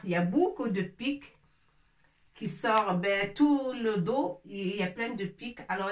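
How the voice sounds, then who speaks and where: A woman teaching a language lesson slowly and patiently, repeating words and spelling out each sound. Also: mid-range voice, a bit bright, roomy sound, recorded from a distance. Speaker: Arabic teacher.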